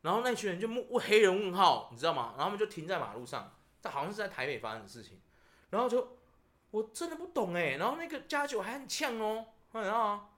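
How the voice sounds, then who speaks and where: A man's voice: sits high, fast. A man with a Taiwanese Mandarin accent hosting a podcast, telling stories and ranting in casual chat. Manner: animated, ranting storyteller. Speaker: podcast host.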